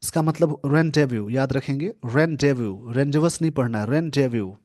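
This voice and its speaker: A man teaching English grammar from a newspaper, explaining slowly and repeating key words. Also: medium pitch, darkish tone. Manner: slow, repetitive explaining, mixing English terms into Hindi.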